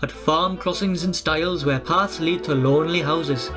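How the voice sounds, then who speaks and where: A man's voice: on the high side, normal speed, music in the background. A man reading a storybook aloud and putting on voices for the engines and coaches. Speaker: storybook narrator.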